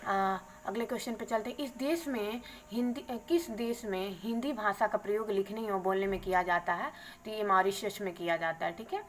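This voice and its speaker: A woman teacher going briskly through exam questions and their answers, adding a quick "okay" after each answer. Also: mid-range voice, slight background noise, low-quality recording. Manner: brisk, adds "theek hai" after answers.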